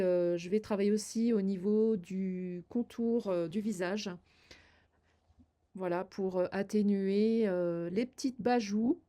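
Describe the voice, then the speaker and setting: A woman's voice: medium pitch, warm tone. An older woman demonstrating a makeup routine, giving hesitant, friendly advice to viewers with many fillers. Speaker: beauty vlogger. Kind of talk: makeup tutorial, demonstrating as she talks.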